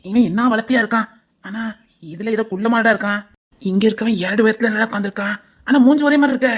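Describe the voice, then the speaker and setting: Speaking quickly in a fairly high voice, a woman comedian with a Tirunelveli Tamil accent plays a nosy, gossiping bus passenger in a comic sketch. She chatters away and teases those around her.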